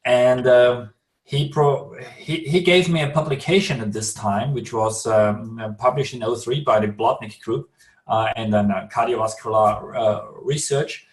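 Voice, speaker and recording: A man's voice: medium pitch, fairly even intonation, a little slow, roomy sound, far from the mic. A man from Austria with an Austrian accent, speaking carefully and with many restarts as a guest on a video call interview. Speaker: guest, clinical research director.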